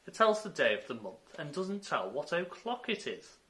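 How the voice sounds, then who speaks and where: A man's voice: a little high, very animated, normal speed, fairly bright tone, voice pushed up. Alice, a prim girl, read by a man. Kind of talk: storybook reading.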